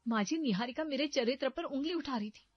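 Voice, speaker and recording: A proud young wife snaps back sharply in her own defense, as a woman voices her. The voice rides high with force. Dry, slightly lo-fi sound. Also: animated, fairly quick, no echo. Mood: indignant. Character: proud young daughter-in-law, quick to anger.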